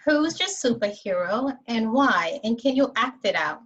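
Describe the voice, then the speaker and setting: A woman acting as topics master at a club meeting, upbeat and quick to laugh. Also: fairly high pitch, expressive, a bit bright, highs cut off. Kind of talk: meeting host.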